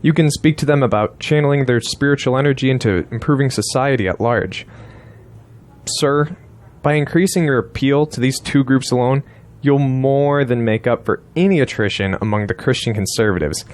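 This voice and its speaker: A man voices a political campaign strategist in an audio drama, lecturing his client bluntly and insistently as he presses his case. His mid-pitched voice is near his everyday one, at a moderate pace. The mood is persuasive.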